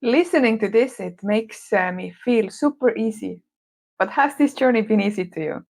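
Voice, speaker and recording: A woman's voice: a little high, lively intonation, moderate pace, creaky, darkish tone. Woman co-hosting a podcast. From Estonia. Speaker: podcast co-host. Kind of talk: casual podcast conversation.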